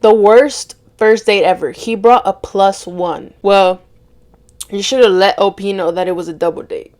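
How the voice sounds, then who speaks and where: A woman's voice: medium pitch, fairly even intonation, a little slow, a little mellow. Sarcastic woman reading online stories aloud. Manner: sarcastic, blunt asides with swearing. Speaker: storytime host reading online posts.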